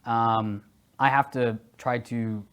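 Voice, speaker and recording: A man in his forties answers quick-fire interview questions in a casual, conversational way. He hesitates often and fills pauses, then warms up and grows animated. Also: mid-range voice, clear, resonant tone. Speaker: guest, security executive.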